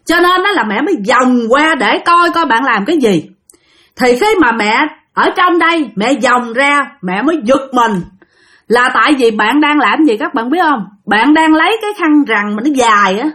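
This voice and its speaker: A woman retelling a ghost story, talking straight to her listeners. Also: a little high. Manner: addresses listeners directly, lively and animated.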